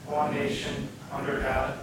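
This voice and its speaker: Male reciter, formal and very flat, far from a meeting room mic with clear noise. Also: mid-range voice, unhurried. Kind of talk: group recitation of a pledge. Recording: echoey meeting room, distant, noisy.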